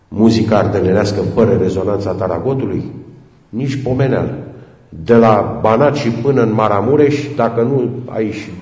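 Low-voiced man lecturing in an echoing hall. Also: dark tone. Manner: digressive, chatty, addresses listeners directly. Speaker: speaker addressing an audience. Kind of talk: informal storytelling lecture. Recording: roomy hall with long reverb, dull lo-fi sound.

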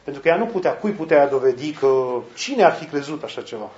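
Male preacher, earnest sermon delivery, slightly high voice, muffled roomy recording. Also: animated, a little mellow, a little hiss or hum. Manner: earnest, rhetorical questions to the listeners.

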